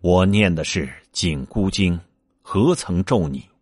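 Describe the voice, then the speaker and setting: Stern, gentle monk master, male, low and slow with a husky tone, read by a male storyteller. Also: lively intonation, no room sound, studio quality, exaggerated voice. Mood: admonishing.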